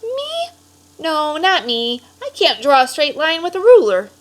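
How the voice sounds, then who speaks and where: A woman plays a shy little boy from a storybook. He sounds high and childlike, full of self-doubt and emphatic in his protests. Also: very animated, unhurried. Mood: doubtful.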